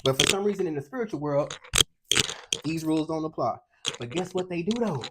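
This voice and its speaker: A man's voice: a little high, animated, fairly quick, very noisy. A man giving a collective tarot reading in a streetwise, profane, emphatic way, and out of breath at times. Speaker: tarot reader.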